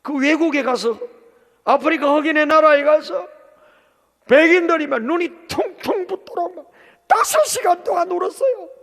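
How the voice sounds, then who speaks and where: A middle-aged man preaching a sermon as pastor, telling a story with swings from shouting to hushed speech. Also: very high-pitched, lively intonation, normal speed, vocal fry. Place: large church hall. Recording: long church hall reverb.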